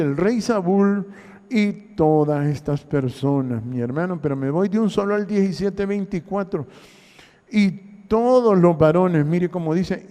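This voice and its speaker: A man's voice: high-pitched, mellow, big-room sound. A man from Honduras with a Honduran accent, a pastor preaching a sermon, constantly saying "mire" and acting out Bible dialogue. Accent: Honduran Spanish.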